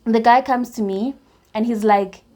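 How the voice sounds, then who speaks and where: A young woman with a South African accent recounts a personal story straight to camera in a casual storytime vlog. Her voice sits a little high, and she tells it in an animated way, laughing often and restarting her sentences. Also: a little slow. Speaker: YouTuber.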